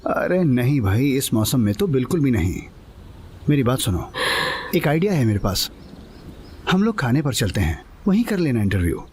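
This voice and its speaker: A man voicing a self-assured, flirtatious man who talks in a smooth, teasing way. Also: mid-range voice, sing-song, normal speed, pauses often, darkish tone, a little hiss or hum, close to an everyday voice.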